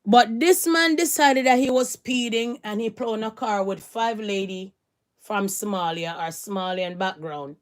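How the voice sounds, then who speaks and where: A woman's voice: medium pitch, normal speed. Chatty woman hosting a live stream. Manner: chatty, rambling, repeats allegedly. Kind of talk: casual news commentary.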